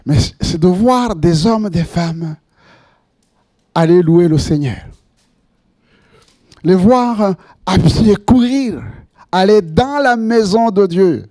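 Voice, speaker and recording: A man's voice: high-pitched, animated, slow pace, pauses often, mellow, no room sound, studio quality. A man from Rwanda, preaching a sermon as pastor and putting rhetorical questions to the congregation.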